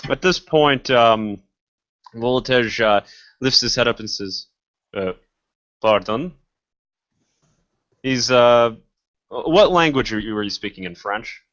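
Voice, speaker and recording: A man narrating a tabletop role-playing game as game master, speaking hesitantly with many pauses and restarts over a muffled voice chat recording. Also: mid-range voice, a bit bright.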